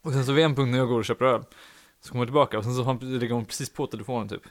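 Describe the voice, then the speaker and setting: A man's voice: mid-range voice, steady tone. A young man hosting a podcast, casually telling a long anecdote in a rambling way, full of fillers and laughing at his own story. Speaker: podcast host.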